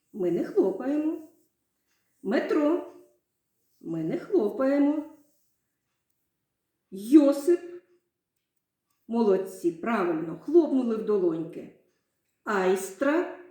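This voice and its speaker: A woman's voice: mid-range voice, darkish tone. A woman teacher leading a children's literacy lesson, telling a short story and coaxing the class through sound drills in a sing-song, encouraging way. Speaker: primary school teacher. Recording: very echoey room.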